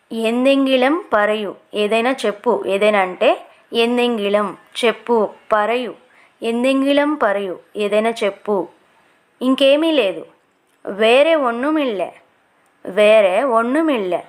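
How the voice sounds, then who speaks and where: A woman with a somewhat high voice teaches everyday phrases at a very slow, deliberate pace. She says each phrase twice, then breaks it down word by word for beginners. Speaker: language teacher. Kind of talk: slow repeated phrase lesson.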